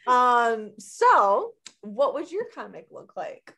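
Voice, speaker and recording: A woman teacher explaining a classroom lesson step by step in a slow, friendly way. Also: on the high side, big pitch swings, gravelly, bright, forceful tone.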